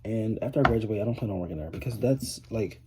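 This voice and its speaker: A man's voice: on the low side, fast, background noise. An eighteen-year-old man chatting casually to camera as a vlogger, rambling with lots of fillers and restarts. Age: 18, teenager. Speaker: vlogger, high school student.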